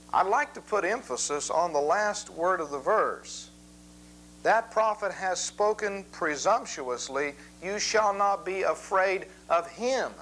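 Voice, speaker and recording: Measured man teaching a Bible lesson. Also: sits high, a bit bright, a little hiss or hum, poor audio. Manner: measured, methodical, reads scripture aloud.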